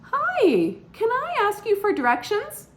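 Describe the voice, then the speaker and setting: A woman doing a squeaky lost little bird. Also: wildly swooping pitch, unhurried, fairly bright tone, slight background noise, full character voice. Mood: pleading. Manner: squeaky, pleading questions. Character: lost, timid bird asking directions.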